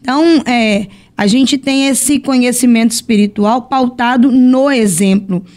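A woman's voice: on the high side, measured pace, a little mellow. Brazilian woman bishop teaching by example. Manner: explanatory, tells stories with acted quotes. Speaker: church bishop guest. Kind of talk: teaching, religious podcast talk.

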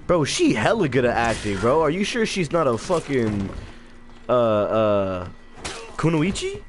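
A man's voice: mid-range voice, sing-song, unhurried, slight background noise. A man streaming gameplay, talking to his chat in a slangy, casual way full of swearing. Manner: slangy, swears a lot, chats with viewers.

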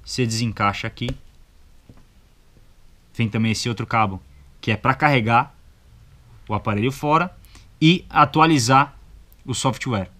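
A young adult product reviewer with a Brazilian accent demonstrates a product step by step inside a motorcycle gear shop, speaking casually and colloquially and checking in with short tags. His medium-pitched voice has a sharp tone, and he talks a little slowly, pausing often.

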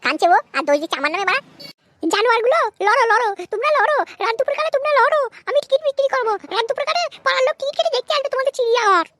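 A shrill scolding cartoon mother. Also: animated, rapid-fire, fairly bright tone, dry recording. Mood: shrieking. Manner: screeching threats and insults. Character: shrill scolding mother Pushpa, quick-tempered. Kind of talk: comic Bengali cartoon voice acting.

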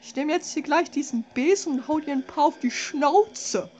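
High-pitched woman, scared horror game streamer. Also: moderate pace, darkish tone. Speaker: let's play streamer. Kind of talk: casual horror game commentary.

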